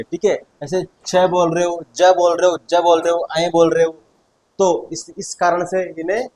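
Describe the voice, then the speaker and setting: With a voice on the high side and poor audio, a male teacher works through Hindi consonants in a grammar lesson. Each sound is said aloud several times, and he patiently checks in with "theek hai" along the way.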